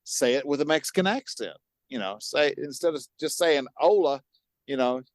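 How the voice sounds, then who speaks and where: Animated man, higher voice, dry sound. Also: moderate pace, dry recording. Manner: animated, laughs often, jumps between topics. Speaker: podcast co-host. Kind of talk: casual chat.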